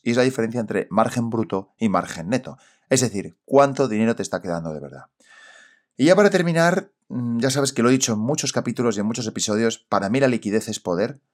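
A man with a Spanish accent from Spain hosts a solo podcast, talking straight to the listener in a colloquial, emphatic way, his voice sepulchral and congested with a cold. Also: on the low side. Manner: colloquial, emphatic, rhetorical questions and slangy asides. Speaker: podcast host and independent financial adviser. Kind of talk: solo podcast monologue, direct address to the listener.

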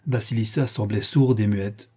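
A male audiobook narrator with a mellow, soft-edged timbre. His voice is slightly husky and he tells the story calmly and evenly. It is a storybook reading. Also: fairly low pitch, moderate pace.

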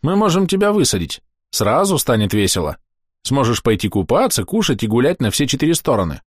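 A man's voice: medium pitch, big pitch swings, fairly quick, breathy edge, no room sound, studio quality, voice pushed up. A man reading an audiobook and voicing a stern, grumpy young man. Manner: stern, threatening.

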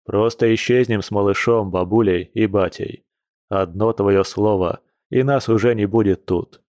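Man reading a bear-man, protective, hot-tempered, gruff, intense, low voice, dry recording. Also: fairly even intonation, normal speed, a little mellow, no echo, lightly acted. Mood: tender resolve. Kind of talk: audiobook character reading.

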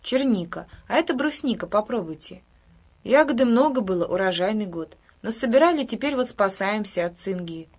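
A woman's voice: medium pitch, expressive, moderate pace, breathy edge. A woman reading the part of a steadfast village woman who keeps waiting for her husband, in a plain, earnest voice. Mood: homely. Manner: plain, earnest, quietly stubborn. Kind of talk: audiobook character reading.

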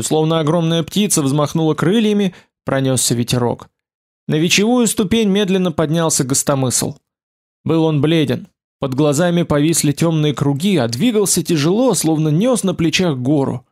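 A man reading an adventure novel aloud as an audiobook narrator, telling the story in a steady, vivid way. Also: on the high side, normal speed.

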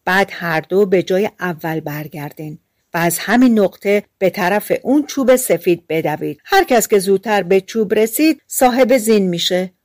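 A woman voicing a clever young male drummer in a fairy tale, talking in a brisk, lively way. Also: mid-range voice, no room sound, studio quality, lightly acted. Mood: scolding.

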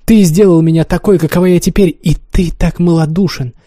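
A man's voice: on the high side, fairly even intonation, brisk, mellow, dry recording, clean studio sound, pitched above the performer's own voice, close to an everyday voice. A man voicing an imperious, cruel young noblewoman who mocks and commands coldly in an audiobook reading. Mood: scornful. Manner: taunting, haughty, coolly commanding.

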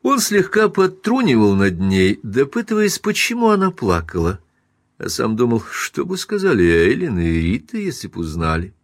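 A man reading a classic novel aloud as audiobook narrator, even and measured. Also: medium pitch, dry recording, studio quality. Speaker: audiobook reader.

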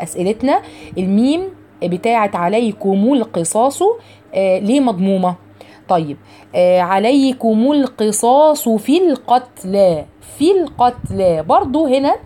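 A woman with an Egyptian accent leads a recitation lesson in a fairly high, mellow voice. She chants slowly and stretches each syllable, then drops into relaxed, chatty teaching and repeats model sounds for her students to copy. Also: slight background noise. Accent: Egyptian Arabic. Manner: slow drawn-out chanting alternating with chatty explanation. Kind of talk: online recitation lesson for women.

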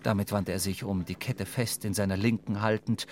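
A man narrating a radio drama in a measured, vivid storytelling manner. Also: fairly low pitch, steady tone, a little mellow, slight background noise.

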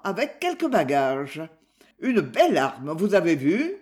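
An elderly murderess recounts her crimes in a cold, matter-of-fact voice, as the book's reader puts her on. The telling is slow and deliberate, yet the pitch rises and falls freely. It is an audiobook crime story. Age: older. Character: old woman killer confessing calmly.

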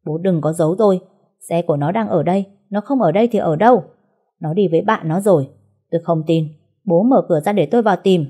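Brief: raging, threatening young husband, read by a woman, dark husky tone. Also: fairly low pitch, fast talker. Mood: furious. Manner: loud, rough and threatening. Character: violent angry young husband shouting.

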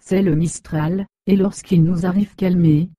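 A woman reading the part of a wise, kindly old woman who gently guides and admonishes a child. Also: on the low side, steady tone, a little slow, dry recording. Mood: gentle. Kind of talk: storybook reading.

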